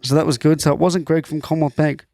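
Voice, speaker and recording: A young Australian man co-hosting a podcast, telling stories in animated, swear-heavy casual chat. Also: fairly high pitch, fast, no room sound, studio quality. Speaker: podcast co-host.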